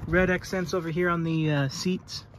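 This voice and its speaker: Guy doing a laid back car walkaround, slightly higher voice, lots of uhs, bit of faint noise behind. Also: steady tone, moderate pace, a bit bright. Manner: plain, easygoing show-and-tell with frequent "uh" fillers. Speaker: car reviewer. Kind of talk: casual car walkaround video. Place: around and inside a parked car.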